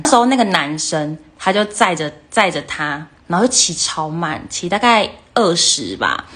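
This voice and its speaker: A young woman with a Taiwanese Mandarin accent, hosting a livestream and telling a story in a lively, casual way, acting out the other people's voices. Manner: lively, acts out quoted voices with jumps in pitch. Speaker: livestream host.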